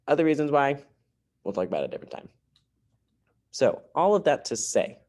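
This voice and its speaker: A man's voice: fairly low pitch, darkish tone. A male music teacher giving a recorded online lesson to children, explaining step by step in a playful way.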